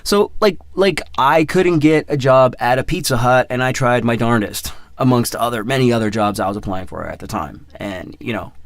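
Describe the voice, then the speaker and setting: A man's voice: mid-range voice, dry recording. A man in his thirties hosting his own podcast in a casual, rambling monologue, mocking himself and repeating his words. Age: 30s. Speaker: podcast host.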